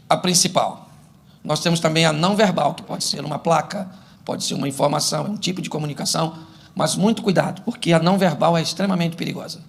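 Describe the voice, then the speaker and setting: Gravelly-voiced pastor, animated and high. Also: male voice. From Brazil. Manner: animated, acts out couples' quarrels for laughs. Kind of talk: humorous sermon.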